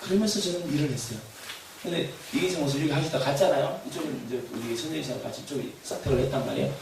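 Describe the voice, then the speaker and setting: A man preaching a sermon as pastor, animated, shouting refrains and laughing as he tells stories. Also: mid-range voice, racing, gravelly. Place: church hall. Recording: echoey hall, far from mic, faint noise.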